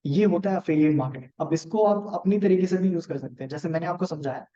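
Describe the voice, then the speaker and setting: A man with an Indian accent teaching a live online class on marketing. He talks fast on purpose and works through examples while checking in with his students. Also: high-pitched, dark tone. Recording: echoey room, dull lo-fi sound.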